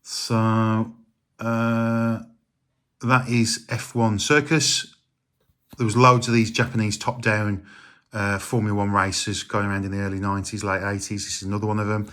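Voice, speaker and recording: A middle-aged man with a slightly low voice talks through his retro games in a relaxed, rambling way. He stops often with ums and uhs, like a casual home vlog. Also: normal speed. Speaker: retro game collector.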